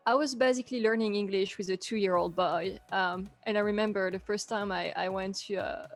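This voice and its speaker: A woman in her thirties with a French accent, a guest talking casually in an interview, often trailing off quietly. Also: mid-range voice, fairly even intonation, a little fast, faint music behind. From France.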